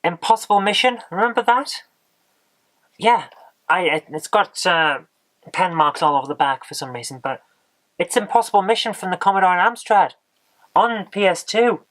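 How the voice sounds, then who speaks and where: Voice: mid-range voice, animated, normal speed, fairly bright tone, no echo. An exhausted vlogger, chatting casually and rambling as they search for words. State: exhausted, low on energy. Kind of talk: casual vlog chat.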